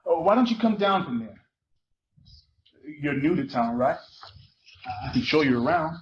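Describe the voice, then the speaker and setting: A theater performer reads a book excerpt aloud with lively intonation, his fairly high voice at normal speed as he narrates and acts out the novel's dialogue dramatically. The live recording is muffled and carries faint noise.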